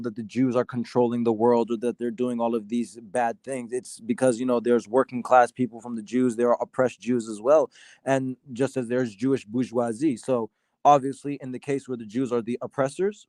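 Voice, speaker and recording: A man from Sudan arguing his side in a casual debate, halting often with fillers and restarts. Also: mid-range voice, steady tone, a little mellow, no echo. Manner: hesitant, many fillers and restarts. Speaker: debate guest.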